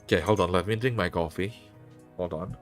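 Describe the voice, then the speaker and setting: Faint music plays behind a young man with an Indonesian accent whose low voice moves briskly as he streams as a VTuber. He's casual and chatty, laughs a lot, swears, and keeps restarting words.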